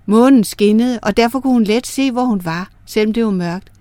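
A woman narrating folk myths as a storyteller, in a lively, clear way. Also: a little high, no echo.

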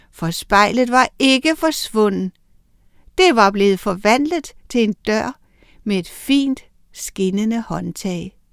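Clear-voiced woman reading a children's story. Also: mid-range voice, no room sound, clean studio sound. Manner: lively expressive reading aloud.

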